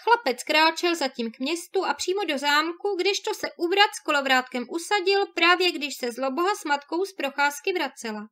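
A woman narrating a classic fairy tale in a clear, measured reading. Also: high voice, sharp tone.

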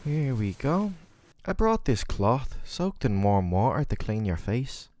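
A man with a medium-pitched, darkish voice speaks slowly but very animatedly as a worried, tender, doting boyfriend caring for his sick partner. His delivery is soothing, earnest and affectionate, gentle and caring throughout. It's a scripted boyfriend roleplay ASMR.

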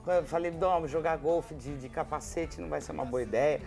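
A woman in her fifties with an Italian accent, a journalist appearing as a guest on a TV talk show, makes dry, self-mocking jokes about herself in casual chat. Her voice is low-pitched, fast and creaky, heard over music through a lapel mic on a bright studio set.

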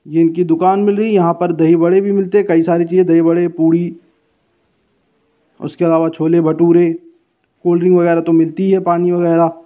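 Guy vlogging food, fairly high voice, tinny phone-line sound. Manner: chatty, guiding the viewer along. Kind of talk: casual walking food-vlog narration. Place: outdoor street and busy food shop. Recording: tinny phone-like street recording.

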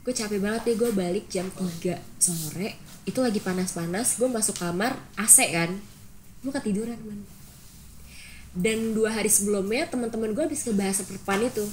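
A young woman co-hosting a podcast, telling stories in an animated, expressive way with casual slang. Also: mid-range voice, normal speed, slight background noise. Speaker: podcast co-host. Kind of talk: casual storytelling chat.

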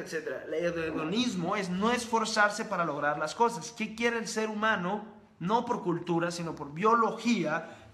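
Hosting a live stream about sales and reading, a man with a fairly high, pushed, bright voice gives an emphatic motivational talk. He responds to viewer comments with long, repetitive lists, and the room echoes.

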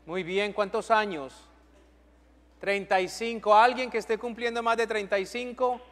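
A priest with a high, light voice addresses his congregation in a large church sanctuary. He moves between formal prayers and brisk, friendly announcements and blessings. Long reverb trails every phrase. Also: steady tone, fairly bright tone. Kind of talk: leading Mass and giving announcements. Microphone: far camera.

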